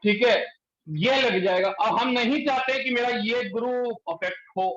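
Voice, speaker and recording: A male chemistry teacher lecturing a class in speech, quizzing students and pushing them to answer quickly. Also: extremely high pitch, fairly bright tone. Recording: echoey room, dull lo-fi sound.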